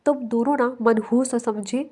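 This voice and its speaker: A woman's voice: fairly high pitch, steady tone, dark tone, lightly acted. A woman reading a brusque, commanding young man.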